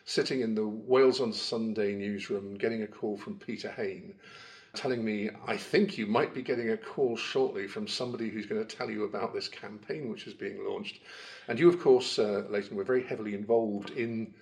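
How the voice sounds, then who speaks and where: Low gravelly guy hosting an interview podcast, asks calm measured questions. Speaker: podcast host and reporter.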